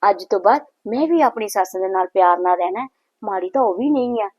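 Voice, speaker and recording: A woman's voice: mid-range voice, lively intonation, fairly quick, a little mellow, husky, no room sound. A woman playing a hot-tempered married daughter who resents her brother's wife, speaking with a Punjabi accent in a short film. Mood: remorseful musing. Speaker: the daughter of the house.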